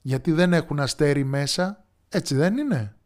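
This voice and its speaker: Patient storybook mother, gentle and coaxing; a man acts it out. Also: fairly high pitch, expressive, close to an everyday voice. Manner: gentle, coaxing, sing-song riddle reading. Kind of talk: storybook character voice.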